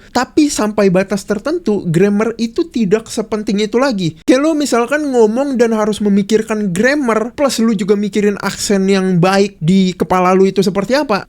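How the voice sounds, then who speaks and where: A man's voice: high voice, darkish tone. A young Indonesian man gives casual advice in a chatty, frank, slangy way. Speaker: vlogger giving English-learning advice.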